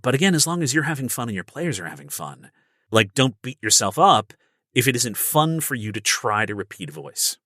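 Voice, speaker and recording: Speaking medium-pitched and fairly quickly, the man swings widely in pitch with a slightly bright tone. He's a guest voice actor and audiobook narrator chatting instructively on a podcast, making his points casually and emphatically through everyday analogies. It's a dry, clean studio recording.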